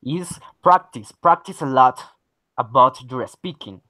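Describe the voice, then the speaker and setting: A man's voice: mid-range voice, measured pace, pushed and bright, no echo, rough recording. A man, teaching a basic English lesson and often saying okay and very good. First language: Spanish. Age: 30s. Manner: encouraging, repeats okay and very good.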